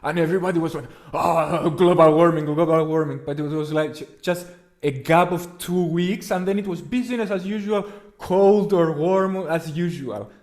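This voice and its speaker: Male podcast host, slightly high voice, rambling crude casual banter. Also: moderate pace. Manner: rambling, crude, animated when joking. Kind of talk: casual chat.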